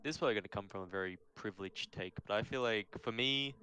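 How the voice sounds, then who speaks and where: Bright, low-voiced man in his twenties. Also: fast talker, clear, resonant tone. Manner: reflective, hedging with "I feel like". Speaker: podcast co-host. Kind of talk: casual chat.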